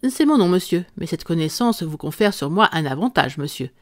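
A reader doing a calm, ironic detective. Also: medium pitch, fairly quick, dry recording, close to an everyday voice. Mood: composed, amused. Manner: composed, dryly amused, explanatory. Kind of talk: audiobook character reading.

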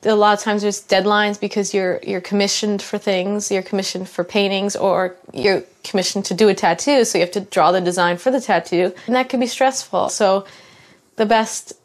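A woman's voice: medium pitch, fairly even intonation, moderate pace. A young adult woman, a tattoo artist, talking casually and earnestly in a documentary interview, often restarting her sentences.

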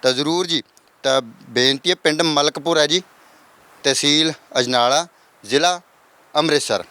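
A man's voice: fairly high pitch, normal speed, bright, forceful tone, clean tone. A man reporting on location from a flooded village, earnestly appealing to viewers for help. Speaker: field reporter.

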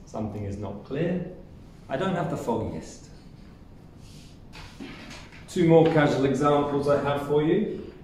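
A New Zealand man runs a scripted English lesson, performing every example phrase with exaggerated intonation. His voice is mid-range and warm, with slight background noise, recorded from a distance in an echoey room.

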